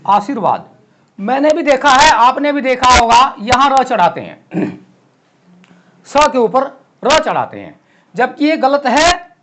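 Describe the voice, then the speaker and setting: A man teaching a lesson to exam students, writing on a board as he explains and repeating words slowly and clearly. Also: very high voice, sing-song, a bit bright.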